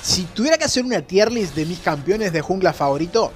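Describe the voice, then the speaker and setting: Young male streamer, Rioplatense accent, rather high voice, hyped and slangy commentary over faint music. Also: brisk. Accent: Rioplatense Spanish. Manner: excitable, slangy, repeats himself. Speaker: gaming streamer. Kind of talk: live gameplay commentary.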